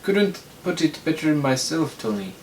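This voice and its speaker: A man's voice: on the high side, big pitch swings, measured pace, roomy sound, recorded from a distance, slight background noise, pitched above the performer's own voice, low-quality recording. A man voicing a polite, slightly apologetic male traveller with a slight Irish twang.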